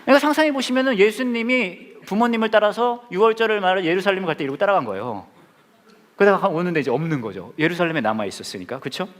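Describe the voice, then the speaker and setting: A man's voice: high voice, expressive, quick pace. A man in his forties preaching a playful sermon, joking and acting out scenes with his congregation.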